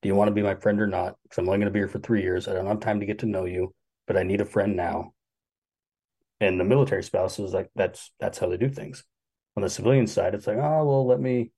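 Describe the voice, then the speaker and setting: A man in his forties chats as a guest on a podcast, relaxed and musing, hesitating now and then. His voice is very deep and gravelly, with a husky, dark tone. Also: fast, low-quality recording. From Alaska. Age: 40s. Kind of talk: casual conversation.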